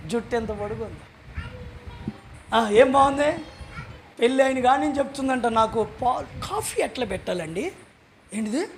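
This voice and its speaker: A male pastor preaching a sermon in a chatty way, acting out little exchanges and breaking into shouted calls for hallelujah. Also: very high voice, normal speed, long pauses, slight background noise. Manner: conversational, acts out little dialogues.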